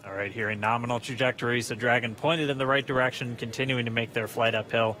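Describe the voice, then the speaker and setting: Male live launch host, forceful bright tone, even delivery, faint noise behind. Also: medium pitch, fast.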